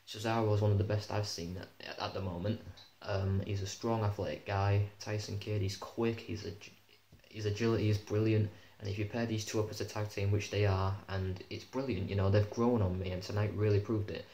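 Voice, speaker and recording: A man's voice: fairly low pitch, flat delivery, a little fast, darkish tone. A young man giving an opinionated, casual review of a wrestling show, swearing freely as he talks. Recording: echoey room with faint hum.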